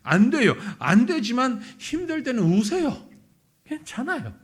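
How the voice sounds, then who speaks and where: A man preaches a church sermon in a high, bright-sounding voice. His pitch leaps and falls as he acts out the cries and complaints of the people he describes, then drops low to explain a point. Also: a little slow. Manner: animated preaching, acts out quoted laments. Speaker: pastor.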